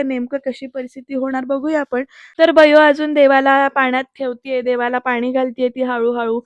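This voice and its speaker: A woman's voice: on the high side, no room sound, lo-fi sound. A woman giving a voice-over recap of a TV serial episode, retelling the scenes in a chatty way and often speaking straight to her viewers.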